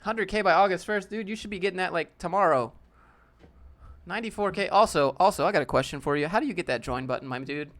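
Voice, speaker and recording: A high-pitched, fairly bright voice moves at a quick pace as this youthful-sounding man in his late twenties hosts a casual live-stream Q&A. He jokes around and reads out questions from his viewers.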